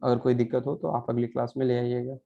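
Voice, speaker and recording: A man's voice: medium pitch, monotone, gravelly, lo-fi sound. A man teaching a pronunciation lesson, patient and repetitive, often checking in with his students. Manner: patient, repeats words slowly and adds frequent "है ना" checks. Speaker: Portuguese language teacher.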